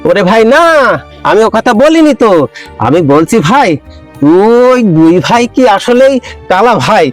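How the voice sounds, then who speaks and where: Comedy skit: male actor as a bumbling matchmaker, very high voice, keeps repeating himself. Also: very animated, measured pace, faint music behind. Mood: exasperated shouting. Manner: flustered, pleading, repeats himself. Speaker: comic actor. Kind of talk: rural comedy skit acting.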